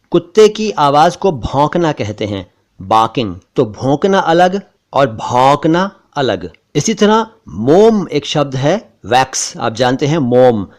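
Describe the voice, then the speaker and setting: Male language teacher, patient and methodical, mid-pitched voice, repeats every example word. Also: a little mellow. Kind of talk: explaining word pronunciation.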